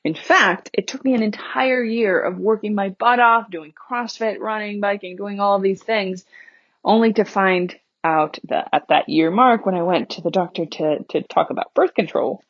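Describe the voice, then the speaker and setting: Candid woman podcast host, lo-fi sound. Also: normal speed. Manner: candid and conversational, laughing now and then, with a lot of pitch movement. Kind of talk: personal storytelling podcast.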